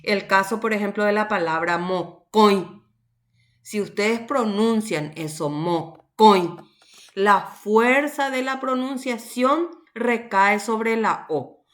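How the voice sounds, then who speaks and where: Slow, patient woman teacher. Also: mid-range voice, a bit bright. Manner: slow, patient explaining, often checking with "¿verdad?". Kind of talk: recorded online class.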